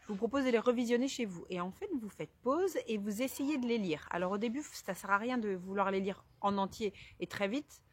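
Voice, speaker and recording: Husky-voiced woman teaching a language. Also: medium pitch, fairly quick, hardly any pauses. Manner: clear, methodical explaining, addresses learners directly. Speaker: Spanish teacher. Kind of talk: explaining a language lesson to camera.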